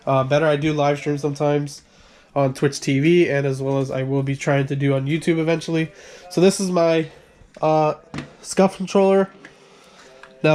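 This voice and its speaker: A gaming channel creator who has a son walks through his gaming room casually, his voice a little high and a little mellow. He wanders off topic, corrects himself, apologizes, and is short of breath, with the odd cough.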